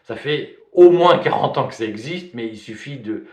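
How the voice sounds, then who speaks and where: A man's voice: mid-range voice, animated, normal speed. A man from Belgium, giving spoken video commentary in a hesitant way, full of fillers and restarts. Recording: roomy echo.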